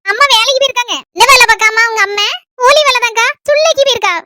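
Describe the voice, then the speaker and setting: A woman from Kanyakumari playing a soft-spoken, polite young woman in a comedy skit, with a noisy recording. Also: extremely high pitch, rapid-fire, no echo, studio quality. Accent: Kanyakumari Tamil. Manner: soft, polite, often tearful. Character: young woman, gentle and sorrowful. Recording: noisy background hiss.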